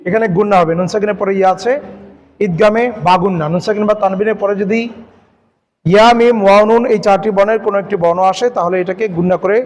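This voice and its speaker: A man's voice: high voice, fairly even intonation, quick pace. A man teaching Quran recitation, dictating syllable by syllable and chanting the verse for a student to repeat. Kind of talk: recitation lesson.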